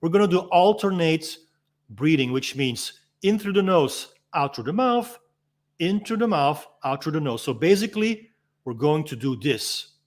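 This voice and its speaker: A man with a fairly high voice walks through a freediving technique as an instructor. He explains patiently, step by step, and stops to demonstrate each sound himself. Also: expressive, normal speed.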